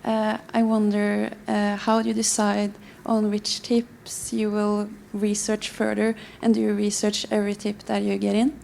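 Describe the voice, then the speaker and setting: Gravelly-voiced young woman student. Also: mid-range voice, monotone, measured pace, hardly any pauses, a little mellow, a little hiss or hum. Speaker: student asking a question.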